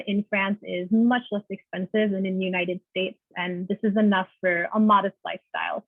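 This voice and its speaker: A woman giving a friendly, informative panel presentation on a video call, often pausing with "uh". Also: mid-range voice, no echo. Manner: friendly, informative, uses many "uh" fillers. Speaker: panelist presenting a teaching program. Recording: dry, phone-like video call audio.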